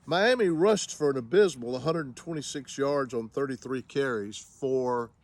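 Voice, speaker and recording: A man's voice: medium pitch, normal speed, no room sound. A man giving a casual spoken review of a football game, with wry, sarcastic humor.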